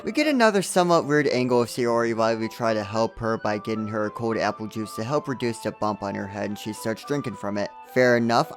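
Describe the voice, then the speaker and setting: Over background music, a man with a mid-pitched voice narrates a scripted, comedic game review. He peppers the story with dry, sarcastic asides.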